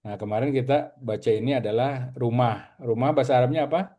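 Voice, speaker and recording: Patient Indonesian man teaching, mellow voice. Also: mid-range voice. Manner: patient, repeats words slowly for students. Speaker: Arabic teacher. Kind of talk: casual online lesson.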